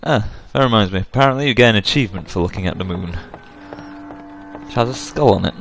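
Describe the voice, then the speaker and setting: A man's voice: lowish voice, animated, fast, gravelly, fairly bright tone, faint music behind. A man hosting a let's play with casual game commentary and wry asides.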